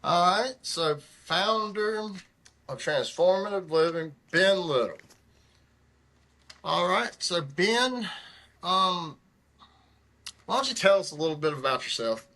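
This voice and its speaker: A man's voice: high voice, animated, slow pace, long pauses, pushed and bright. A man hosting a podcast, asking casual, encouraging questions in a conversational interview. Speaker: podcast host.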